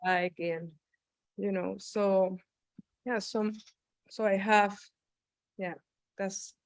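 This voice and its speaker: Speaking slowly in a steady, medium-pitched voice, a Venezuelan visiting artist chats casually over a video call on a dry recording. She hesitates a lot, with frequent "um" and "you know" fillers.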